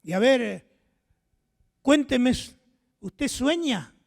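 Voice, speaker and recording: An older man from Argentina with an Argentine accent and a hoarse voice, preaching a sermon as pastor, telling stories and acting out the dialogue. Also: extremely high pitch, lively intonation, very slow, in a large hall. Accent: Argentine Spanish. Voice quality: hoarse, gravelly voice. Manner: storytelling, acts out dialogue, asks the audience questions.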